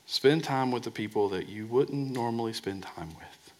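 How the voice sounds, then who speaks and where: Man preaching with soft emphatic drops. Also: normal speed. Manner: emphatic, drops to a soft low voice on key words, repeats words when restarting. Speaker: pastor. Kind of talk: sermon.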